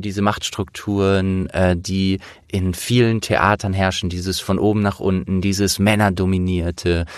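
An interviewer and audio drama producer with acting training speaks earnestly and emphatically in a casual, opinionated conversation, using colloquial language and some swearing. His voice is low, and the studio recording is clean and dry.

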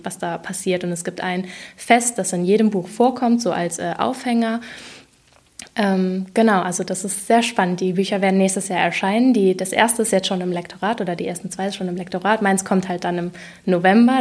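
A woman's voice: medium pitch, a little mellow. A woman author chatting in a podcast interview with many fillers, then reading aloud from her novel. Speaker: author and guest.

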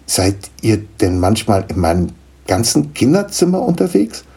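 A young boy, as a male storyteller puts him on, pitched well up and stumbling over his words in earnest pleading. His voice has a husky grain, with a warm, soft tone. Storybook reading. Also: big pitch swings, moderate pace, exaggerated voice. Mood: surprised. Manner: breathless, stammering pleading. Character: young boy, curious and anxious.

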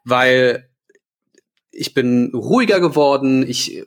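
Earnest man in his thirties, halting. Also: mid-range voice, expressive. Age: 30s. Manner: earnest, hesitant with many fillers. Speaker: podcast co-host. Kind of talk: casual podcast chat.

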